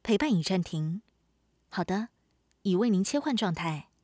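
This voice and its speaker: A woman's voice: medium pitch, animated, moderate pace, darkish tone, no room sound, studio quality, natural voice. A woman voicing a polite smart-speaker companion system, reading formulaic prompts like an announcement. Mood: polite, neutral.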